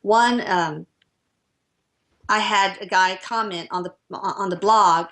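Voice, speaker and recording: A woman's voice: medium pitch, takes it slowly, fairly bright tone. A woman speaking as a guest author, telling stories enthusiastically in casual chat with frequent fillers.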